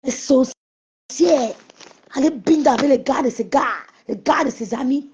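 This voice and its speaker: A woman ranting mockingly in a casual social media live, with slangy, animated outbursts. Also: high voice, measured pace, slight background noise. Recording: muffled lo-fi sound.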